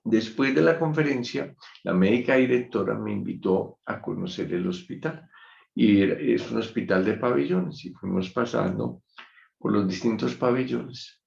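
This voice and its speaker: A man giving an online lecture, measured and reflective, telling an anecdote. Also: lowish voice, vocal fry, darkish tone. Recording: dull muffled sound in an echoey room.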